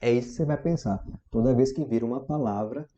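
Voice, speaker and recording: A man from Brazil talks through a pronunciation lesson in a chatty, upbeat way, repeating each sound slowly so the learner can copy it. His voice is deep and mellow in tone, at an average pitch. The home recording sounds a little muffled and lo-fi. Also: a little hiss or hum. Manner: informal, encouraging, drills sounds by repeating them slowly. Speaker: English teacher. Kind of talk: casual spoken lesson.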